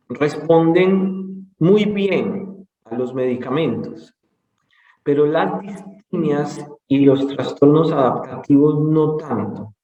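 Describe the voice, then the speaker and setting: A man lecturing in a calm, explanatory way, circling back to stress his main points. His voice sits at a middle pitch and echoes around the room he is speaking in. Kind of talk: conference lecture. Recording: roomy echo.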